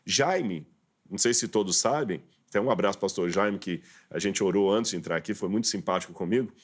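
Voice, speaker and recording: A man's voice: sits low, a little fast. A man, a guest professor on a studio talk show, explaining terms step by step in an interview.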